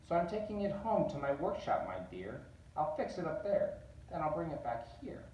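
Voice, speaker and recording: A man's voice: fairly high pitch, very animated, normal speed, a little mellow, highs cut off, voice pushed up. A man voicing the Grinch, a sly, grumpy green creature who schemes with glee. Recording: roomy echo, distant mic.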